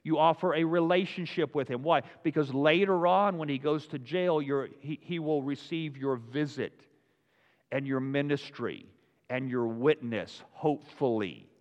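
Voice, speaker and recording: Pastor, male, brisk conversational sermon, slightly high voice, muffled echoing sanctuary recording. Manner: conversational, quick, checks in with the congregation. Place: church sanctuary.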